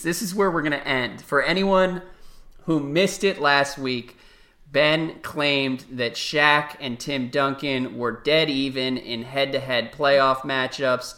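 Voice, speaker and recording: Bright-voiced man telling stories on a podcast. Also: mid-range voice. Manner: self-deprecating storyteller, laughs often. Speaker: podcast co-host. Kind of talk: casual podcast banter.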